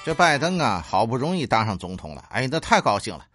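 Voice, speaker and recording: A man's voice: mid-range voice, fast, faint music behind. A man with a Tianjin accent telling jokes in a chatty, casual way, full of fillers. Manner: chatty, animated, many fillers. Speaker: joke teller. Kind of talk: casual comedic storytelling.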